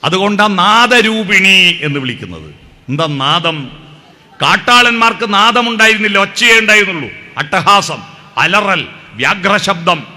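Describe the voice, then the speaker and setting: A spiritual speaker with a high, sharp-toned voice and a Kerala Malayalam accent gives a devotional talk. He narrates stories, asks rhetorical questions, and breaks into sung hymn verses.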